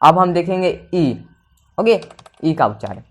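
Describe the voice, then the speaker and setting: A man's voice: a little high, lively intonation, unhurried. A man teaching a pronunciation lesson, spelling each word out letter by letter and repeating it several times, often checking whether his students understand. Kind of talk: spoken English pronunciation lesson.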